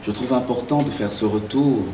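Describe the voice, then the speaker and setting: A playwright who grew up in Belgium and Zaire answers interview questions about his work thoughtfully, pausing and restarting as he searches for words. His voice is mid-range, and the recording has background noise, an echoey room and a distant mic.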